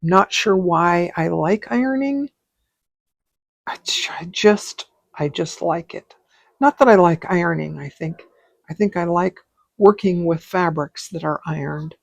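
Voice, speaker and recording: A woman's voice: lowish voice, unhurried, vocal fry, no echo. A woman teaching a casual craft tutorial, chatty and rambling as she thinks aloud. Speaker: stitching teacher.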